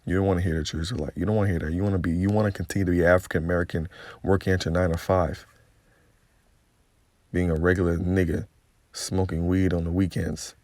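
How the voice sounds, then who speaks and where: A man's voice: low voice, little pitch movement, fast, a little mellow, dry recording. A man giving a confrontational, profane religious rant, constantly repeating "okay?" as he preaches. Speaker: religious commentator.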